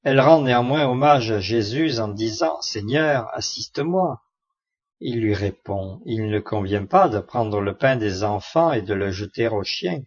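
A man's voice: fairly low pitch, lively intonation, moderate pace, few pauses. Earnest man reading a Bible study. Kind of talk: devotional commentary read aloud. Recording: muffled lo-fi recording.

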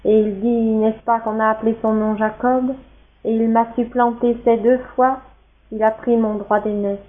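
A woman's voice: on the high side, flat delivery, moderate pace, close to an everyday voice. Woman reading as a wronged elder son, pleading. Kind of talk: scripture reading. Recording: tinny phone-like sound.

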